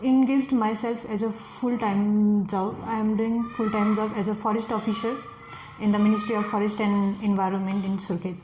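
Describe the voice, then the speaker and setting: A Nepali woman in her twenties, a native speaker with a Nepali accent, answers exam questions hesitantly and with many fillers. She is a test candidate and a forest officer. Her mid-range, darkish voice is flat and normal in speed, recorded in an echoey room with faint noise.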